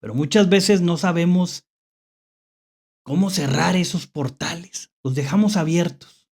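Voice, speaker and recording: With a medium pitch, a slightly mellow quality and a breathy edge, a horror story host carrying a Mexican accent tells spooky tales a little slowly and without a script. The delivery is hesitant, with repeated phrases and rhetorical questions to check in.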